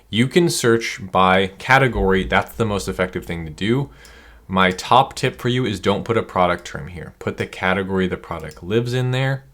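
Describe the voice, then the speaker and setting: A man with an energetic, rambling manner, coaching online sellers through a screen-share tutorial. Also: deep voice. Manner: energetic, rambling, self-interrupting.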